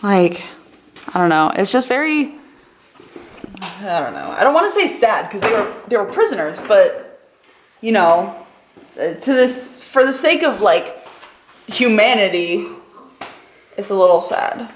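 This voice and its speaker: A woman's voice: mid-range voice, very animated, unhurried, long pauses, a little hiss or hum. A woman talking casually and tentatively as she co-hosts a paranormal investigation vlog. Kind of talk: casual ghost-hunt vlog talk. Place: echoey basement of an old jail. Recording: very echoey room.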